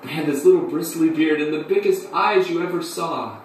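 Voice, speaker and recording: An actor playing a flamboyant man who tells his story in a halting, breathless theatrical monologue. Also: fairly high pitch, close to an everyday voice. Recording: echoey room, distant mic, faint hum.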